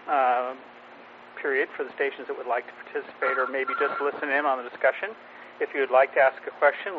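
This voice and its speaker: A man running a ham radio net as its control operator. He reads a set welcome with some fillers and restarts, heard over a radio transmission with static. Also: mid-range voice. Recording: tinny radio audio with static.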